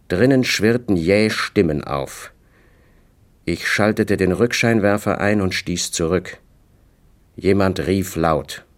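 A man reading a novel aloud in the first person, with measured, dry storytelling. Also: low voice. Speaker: audiobook narrator. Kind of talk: scripted first-person narration.

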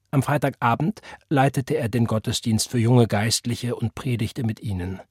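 A man reading a literary novel aloud as narrator, in a measured, even storytelling manner. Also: medium pitch, slightly rough, dry recording. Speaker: audiobook narrator. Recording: dry close studio recording.

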